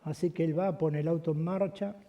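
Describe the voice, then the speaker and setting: Pastor, man, story-led sermon, dark mellow voice. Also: a little high, steady tone, a little fast.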